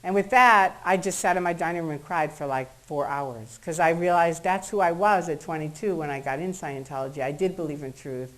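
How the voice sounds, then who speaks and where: A woman's voice: lowish voice, brisk, few pauses, low-quality recording. A middle-aged American woman telling a personal story to an audience at a public talk, acting out what others said in shifting voices. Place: meeting room before an audience.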